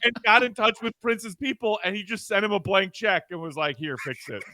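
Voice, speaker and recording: A man's voice: high-pitched, fairly quick, sharp tone, no echo, studio quality. A man hosting a podcast in loose, casual chat. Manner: loose, conversational, retelling stories. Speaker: podcast host.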